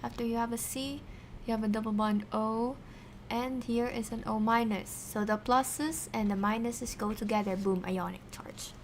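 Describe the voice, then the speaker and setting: A woman's voice: on the high side, steady tone, moderate pace, slight background noise. A woman streamer teaching science in a casual live session, talking to herself as she works through problems. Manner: talks to herself while working through problems. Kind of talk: casual live tutoring, thinking aloud.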